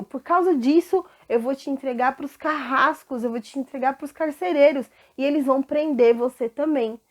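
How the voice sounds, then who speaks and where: A woman voicing a stern king who speaks firmly and slowly. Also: high-pitched. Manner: firm, loud and slow.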